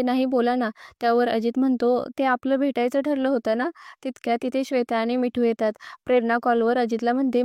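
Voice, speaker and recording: Smooth, even-toned woman recapping a serial. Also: a little high, no room sound, clean studio sound. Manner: reads every character's lines in her own voice. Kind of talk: read-aloud plot recap narration.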